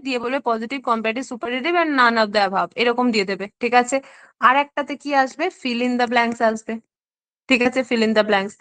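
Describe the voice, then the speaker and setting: A woman's voice: high voice, a bit bright. A woman teaching an online exam-prep lesson. She explains step by step and keeps checking in with her students.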